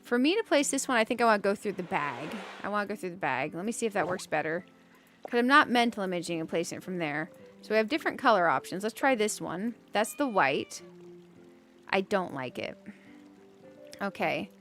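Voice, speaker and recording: A woman's voice: mid-range voice, animated, fairly quick, fairly bright tone, soft background music. A woman streaming a cozy game, chatting casually with viewers and thinking aloud as she decorates, with giggly bursts. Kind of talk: casual gameplay commentary.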